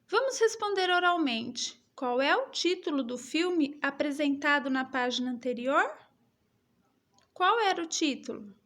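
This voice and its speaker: A woman teacher with a Brazilian Portuguese accent reads a schoolbook lesson aloud to children, using slow, exaggerated intonation. Her voice sits high and is expressive, with a fairly bright tone.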